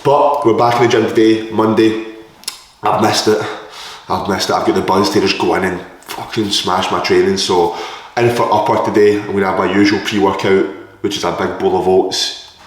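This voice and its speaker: A man's voice: low voice, steady tone, fairly quick. A man chatting casually in a blokey, sweary way as a fitness vlogger, recorded in an echoey room. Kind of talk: casual vlog chat and gym tips. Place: large echoey indoor kitchen. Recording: echoey room with hard reflections.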